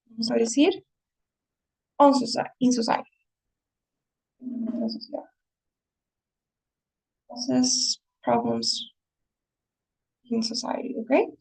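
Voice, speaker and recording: A woman's voice: on the high side, vocal fry, a little mellow, distant mic, rough recording. A woman English teacher giving a writing lesson, explaining patiently and often checking in with her students.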